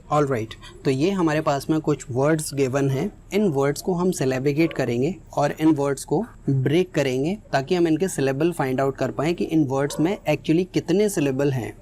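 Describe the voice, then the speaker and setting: A woman's voice: low-pitched, darkish tone, slight background noise. A woman teaching English pronunciation, explaining step by step and mixing in English phrases. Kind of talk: spoken lesson with examples.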